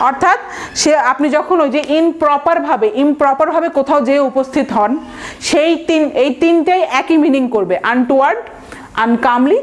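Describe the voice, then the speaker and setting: Woman, high-pitched, vocabulary lesson, spells words letter by letter, mixes in English example sentences. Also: moderate pace. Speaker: vocabulary teacher.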